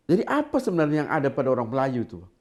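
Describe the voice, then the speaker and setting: Measured male interviewer. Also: mid-range voice, huge pitch swings. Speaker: interviewer host. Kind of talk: casual conversational interview.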